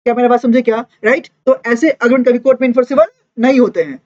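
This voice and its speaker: A woman teacher giving a lively classroom lecture, mixing Hindi and English and checking in with students constantly. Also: on the high side, very fast. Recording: dull lo-fi classroom recording.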